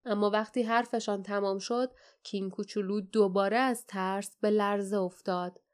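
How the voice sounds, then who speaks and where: A woman reading an audiobook in measured, expressive scripted narration. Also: mid-range voice, clear, resonant tone.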